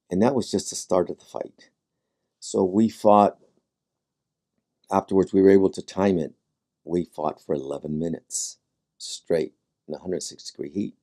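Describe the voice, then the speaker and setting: A man, a former highway patrol sergeant, tells a personal story as a podcast guest, in a dramatic, measured way that voices his own past thoughts. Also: warm tone.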